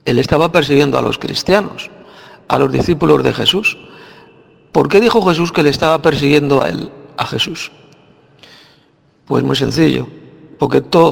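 Gravelly preacher in a reverberant hall. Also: male voice, on the high side. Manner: explains verse by verse, asks and answers questions. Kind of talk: Bible teaching.

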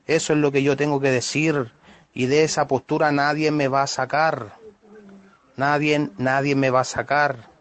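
A man's voice: mid-range voice, little pitch movement, moderate pace, a bit bright. A man in an online religious debate, firmly holding his position and quoting scripture. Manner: firm, quotes scripture.

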